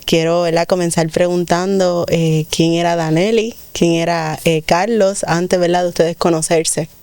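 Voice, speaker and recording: A woman co-hosts a faith radio program, asking her guests questions in a smooth, even flow. Her voice is clear and resonant, with little rise and fall, and the sound is dry and close. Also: fairly low pitch, measured pace, no room sound. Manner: flowing, with frequent tag questions. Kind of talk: interview questions.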